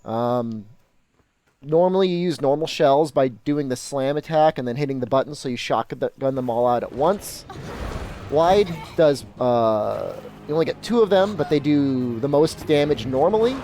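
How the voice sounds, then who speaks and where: Answering chat during a casual gaming stream, a man of Mexican origin or descent keeps things informal and relaxed. He speaks at moderate pace in an animated, dark, medium-pitched voice, with slight background noise.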